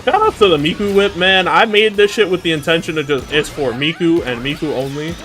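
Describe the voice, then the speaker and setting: A man's voice: on the high side, brisk. Cussing New York gamer guy. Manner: swears a lot, laughs, reacts loudly. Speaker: streamer. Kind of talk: casual chat while gaming.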